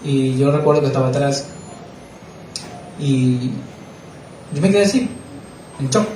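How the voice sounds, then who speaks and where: A man giving an emotional personal testimony in a church, halting and repeating words as he tells his story. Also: mid-range voice. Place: church hall. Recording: echoey room, distant mic, faint noise.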